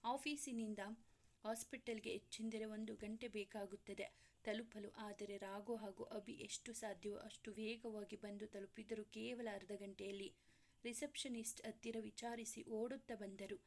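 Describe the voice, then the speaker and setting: A woman storyteller reading a serialized romance story aloud in steady, dramatic narration. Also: mid-range voice, measured pace.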